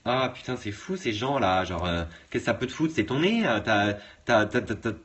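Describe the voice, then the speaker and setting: A man's voice: lowish voice, animated, moderate pace, a bit bright, husky. A man vlogging in a sassy, camp way, swearing freely and mocking people. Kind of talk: casual vlog chat.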